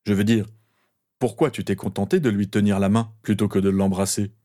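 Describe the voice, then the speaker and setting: A man voicing an easygoing young man, a protective older brother who talks in a relaxed, teasing way in an audiobook reading. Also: fairly low pitch, fairly quick, close to an everyday voice.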